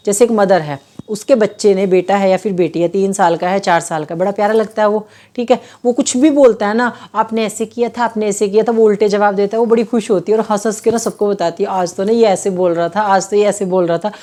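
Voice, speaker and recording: A woman's voice: mid-range voice, warm tone. A woman giving parenting advice in a casual, earnest talk, often checking in with the listener and acting out quoted mothers.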